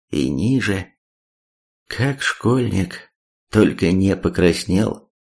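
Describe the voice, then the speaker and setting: A man with a very low voice narrates a first-person audiobook. His delivery is wry and blunt, with a slangy, streetwise edge. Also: a little mellow.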